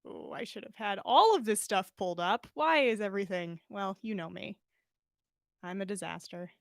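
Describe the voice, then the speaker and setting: A woman hosting a livestream speaks at normal speed in a medium-pitched voice with vocal fry, recorded dry at studio quality. She chats casually and reads fan fiction aloud in a bubbly, self-deprecating manner, acting as podcast host and story reader.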